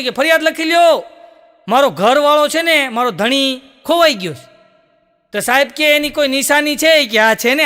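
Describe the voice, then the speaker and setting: This male comedian has a very high voice that sounds pushed and bright. Telling jokes in a Gujarati stage show, he acts out each character and laughs between punchlines, recorded with a long hall reverb.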